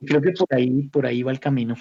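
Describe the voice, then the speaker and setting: A Colombian man, an institute director appearing as an academic guest in an interview, reflects aloud and often repeats words while searching for the next one. His voice is medium-pitched, warm and husky, and he speaks quickly. The audio is slightly dull and muffled.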